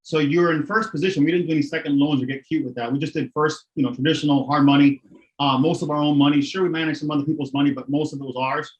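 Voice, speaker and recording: A middle-aged real estate investor from Miami, Florida, talks casually as an interview guest, candid and matter-of-fact and often tacking on "right?". His voice is fairly high and steady in tone, and he talks fast. The audio quality is poor.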